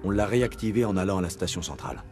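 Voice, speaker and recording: An actor playing a composed, authoritative military commander in a video game, terse and matter-of-fact. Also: male voice, sits low, animated, racing, music in the background. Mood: composed, persuasive. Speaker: commander, special agent.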